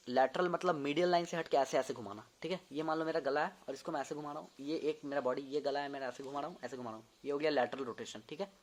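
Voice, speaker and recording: A young man, a medical student, casually teaching an anatomy lesson, demonstrating movements and often repeating terms to check understanding. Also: a little high. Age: young adult.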